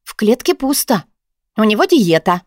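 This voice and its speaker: A woman's voice: mid-range voice, big pitch swings, normal speed, darkish tone, no room sound, clean studio sound, natural voice. A woman voicing a blunt, grudging young woman, a weary dispatcher, who drags out her reproachful words. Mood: irritated.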